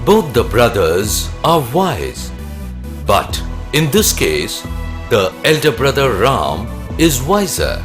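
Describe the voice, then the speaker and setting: A man's voice: medium pitch, big pitch swings, takes it slowly, music in the background. A man playing a wise, resolute heroic king in a children's cartoon, speaking in a solemn, declamatory way. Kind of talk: theatrical children's cartoon dialogue.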